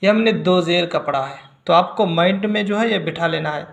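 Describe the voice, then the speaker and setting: A man with a high, fairly quick voice and vocal fry teaches Quran reading in a slow, step-by-step recitation lesson. He patiently explains and repeats syllables one at a time for learners, and the audio is very echoey.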